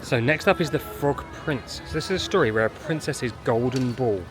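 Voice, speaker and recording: Mid-range and expressive, this vlogging parent keeps a moderate pace while casually narrating a family outing at a theme park. The walk moves outdoors and occasionally into small buildings, with loud music and park sounds in the background.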